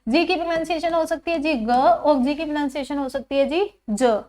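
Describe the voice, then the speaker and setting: A woman teaching English pronunciation to a class. She asks questions and answers them herself, and repeats each example word slowly. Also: high-pitched, a little mellow. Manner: calls the pupils "children", says "ji" often.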